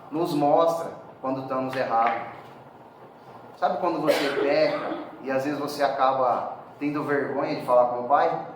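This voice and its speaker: A man delivers a sermon in a casual, conversational way, often tagging his sentences with quick questions. He stands some way from the mic in a church hall full of heavy reverb. A faint background hiss sits under his voice. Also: fairly high pitch. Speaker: preacher. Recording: very echoey hall, speaker far from mic.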